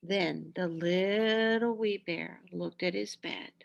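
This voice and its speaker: A woman reading a children's story aloud with expressive, deliberate, dramatic narration. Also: lowish voice, creaky, highs cut off.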